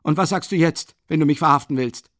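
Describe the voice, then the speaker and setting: A man reading an audiobook, voicing a furious young student who shouts in blind rage. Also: on the high side, brisk, no echo, studio quality, pitched above the performer's own voice, natural voice. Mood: enraged. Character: furious young male student, desperate and defiant.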